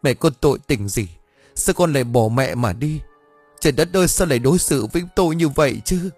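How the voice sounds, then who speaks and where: A man's voice: lively intonation, moderate pace, a little mellow, soft background music, lightly acted. A man voicing a frantic grieving mother. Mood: frantic wailing. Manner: shrill, panicked cries.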